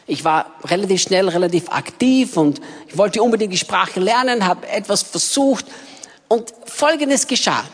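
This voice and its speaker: Animated woman preaching in a reverberant hall. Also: medium pitch, moderate pace. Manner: animated storytelling. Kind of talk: sermon.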